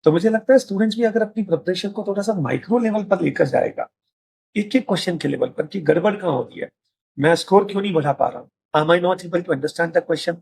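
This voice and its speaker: Man, rough gravelly husky voice, slightly high, casual panel talk speaking to students. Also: a little fast, a little mellow. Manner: mixes Hindi with English phrases, addresses students directly. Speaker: host.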